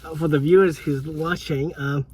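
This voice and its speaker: A man's voice: a little high, steady tone, normal speed, darkish tone, slightly rough. A man co-hosting a casual podcast chat, rambling with lots of filler words and talking while he chews. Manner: talks while chewing. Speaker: podcast co-host.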